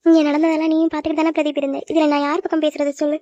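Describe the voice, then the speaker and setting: Woman voicing a pleading cartoon mother, high quick voice, mellow dry tone. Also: level tone, no room sound, highs cut off, close to an everyday voice. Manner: pleading, tearful. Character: tearful worried mother.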